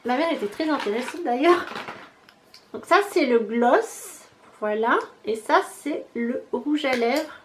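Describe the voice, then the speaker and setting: A woman's voice: high-pitched, expressive, measured pace, slight background noise. A woman in her thirties chatting casually to camera as a beauty vlogger, showing products one by one. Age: 30s. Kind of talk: casual haul chat.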